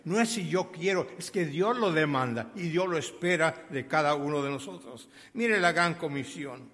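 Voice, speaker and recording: A man's voice: a little high, normal speed, fairly bright tone. A man, preaching a sermon with emphasis, asking his congregation questions and telling stories. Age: 80s. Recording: long hall reverb.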